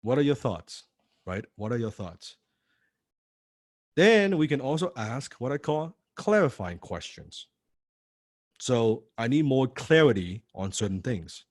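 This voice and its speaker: A man teaching a sales training class, lively and full of rhetorical questions, acting out what prospects say. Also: mid-range voice, a little slow, long pauses, no room sound, clean studio sound. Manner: animated, acts out prospect replies, rhetorical questions. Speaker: sales coach.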